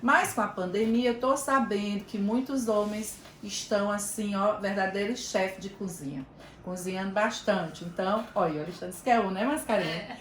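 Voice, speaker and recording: A woman's voice: mid-range voice, normal speed, roomy sound, slight background noise. A Brazilian Portuguese-speaking woman giving an online training lecture, explaining in a chatty way and addressing listeners by name. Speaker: teacher trainer. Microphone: video call.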